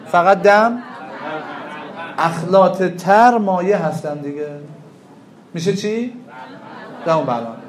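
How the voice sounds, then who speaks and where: A man with a high voice lectures a class on traditional medicine. He talks animatedly, throws questions at his students and answers them himself. His voice rings in a roomy, echoey classroom.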